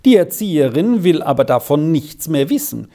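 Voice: medium pitch, sing-song, normal speed, dark tone. Reader putting on a nosy landlady, blunt and scolding, voice bouncing up and down. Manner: blunt, reproachful. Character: gossipy scolding village landlady.

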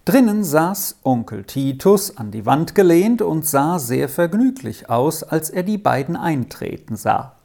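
A woman reads a classic children's story in a low, mellow voice with a gravelly edge. Her pace is slow and measured. Her melody rises and falls in a lively way as she tells it. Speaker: audiobook reader. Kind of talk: storybook narration.

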